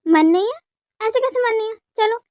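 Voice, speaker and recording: A woman doing a caring middle-aged mother who fusses and coaxes, in a very high, light voice. The sound is dry and close. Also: lively intonation, normal speed, a little mellow, no echo. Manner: coaxing, fussing.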